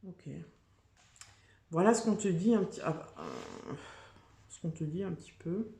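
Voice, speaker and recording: A woman's voice: lowish voice, huge pitch swings, a little slow, creaky, dark tone, reverberant, slight background noise. A woman giving a casual, chatty tarot reading, full of fillers, restarts and "tu vois". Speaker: tarot reader.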